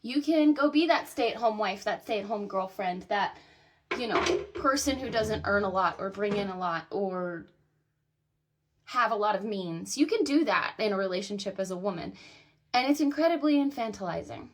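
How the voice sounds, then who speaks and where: A woman's voice: medium pitch, animated, moderate pace. A woman in her thirties from the American South, talking bluntly to camera about her own life and swearing freely. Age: 30s. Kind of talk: candid personal monologue to camera.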